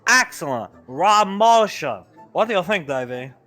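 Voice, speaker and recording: A man's voice: sits high, sing-song, unhurried, bright, forceful tone, soft background music, voice pushed up, full character voice. A man voicing an effusive male film director who heaps praise on his actors in clipped, broken grammar. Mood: gushing.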